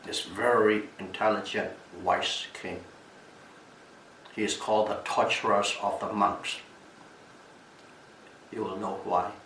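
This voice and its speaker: A man with a Burmese accent giving a Buddhist talk as a teacher, telling stories in a deliberate, halting way and repeating phrases for emphasis. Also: fairly low pitch, little pitch movement, a bit bright. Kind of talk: dhamma talk with storytelling. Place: echoey room at a retreat. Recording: distant mic, echoey room, background hiss.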